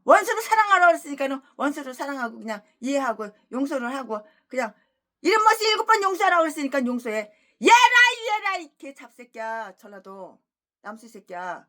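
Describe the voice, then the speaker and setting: A woman pastor delivers an expository sermon in a high, sharp voice. She lurches between loud outbursts and low, bitter mutters. Her pitch leaps wildly from line to line. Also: big pitch swings, brisk. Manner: abusive, swings between shouting and muttering. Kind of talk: expository sermon with angry tirades.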